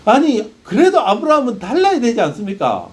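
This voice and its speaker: A man's voice: very high voice, huge pitch swings, fairly quick. A male pastor preaching a sermon, firing rhetorical questions at the congregation.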